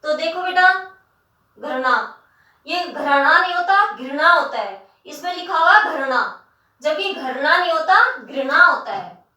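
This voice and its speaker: High, bright-voiced woman teacher in an echoey room. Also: animated. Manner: patient, addresses students as "beta"; spells words out slowly, syllable by syllable. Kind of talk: spelling lesson. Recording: echoey room, voice from the mic at a distance.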